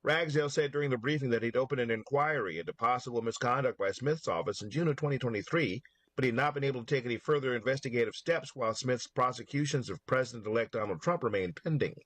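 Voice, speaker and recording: Man, rapid-fire scripted news report, medium pitch, dry sound. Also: fairly bright tone, dry recording. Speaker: news correspondent.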